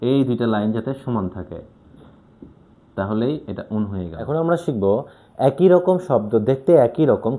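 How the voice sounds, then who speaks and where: Writing out Japanese letters as he goes, a man with a fairly low, mellow voice patiently explains each step.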